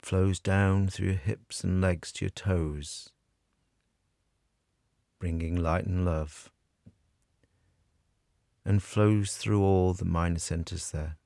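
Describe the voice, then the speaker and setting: Very deep, slow, gravelly male meditation guide. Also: steady tone, mellow, no echo, studio quality. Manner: soothing, measured, with long pauses. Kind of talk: guided meditation narration, scripted.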